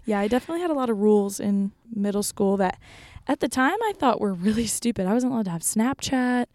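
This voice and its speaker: A woman's voice: medium pitch, fast talker, a little mellow, dry recording, studio quality. A woman in her early twenties, a podcast guest chatting casually and telling stories with frequent laughs. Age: 20s. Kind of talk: casual chat.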